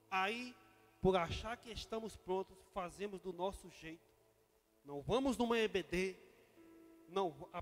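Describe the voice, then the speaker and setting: Brazilian male pastor, impassioned sermon, high voice, echoing hall with soft music underneath. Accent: Brazilian Portuguese. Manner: impassioned preaching, swings from loud to quiet. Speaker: vice-pastor.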